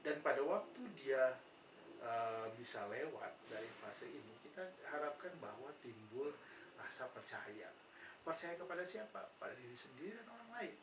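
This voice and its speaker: A man's voice: mid-range voice, big pitch swings, normal speed. A man with an Indonesian accent teaching nursing psychology, patiently explaining and answering his own questions with frequent "ya" fillers. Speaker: nursing lecturer. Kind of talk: explanatory lecture conversation. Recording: roomy, distant mic, noisy background.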